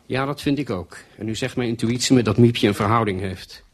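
A man's voice: mid-range voice, fairly quick, close to an everyday voice. Male reader as a suspicious husband, earnest and brooding, in the reader's own voice. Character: anxious middle-aged husband, earnest and suspicious. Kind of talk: storytelling reading.

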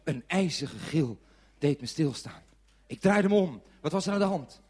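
A man playing an excitable clumsy forest ranger. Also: fairly high pitch, moderate pace, a little hiss or hum, lightly acted. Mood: excited. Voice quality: animated, sweeping from hushed to shouting. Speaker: children's TV presenter in character. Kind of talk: storytelling to children.

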